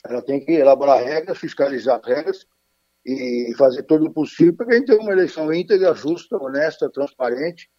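A man's voice: on the high side, fairly quick, dark tone, no echo. A man speaking formally as a radio guest over a choppy phone line that keeps breaking up, with frequent hesitations. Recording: muffled dry phone call.

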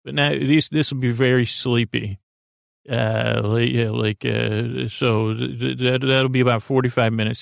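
A man with a creaky voice hosts a sleep podcast, drifting through a low-key bedtime monologue where he gently mocks himself and his sentences falter and break off. The sound is clean studio audio with no echo.

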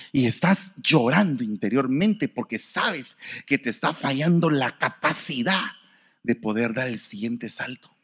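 A man preaching a sermon, swinging from soft, quiet passages to sudden shouts. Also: medium pitch, husky.

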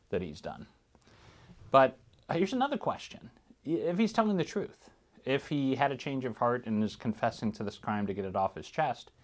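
A man hosting a true crime podcast, giving informal, conversational commentary on the news. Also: mid-range voice.

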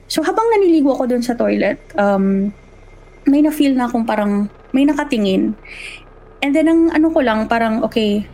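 A woman's voice: fairly high pitch, normal speed, long pauses, rough recording. A young adult woman telling a personal ghost story in casual chat, acting out the voices she quotes. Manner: animated, acts out quoted voices.

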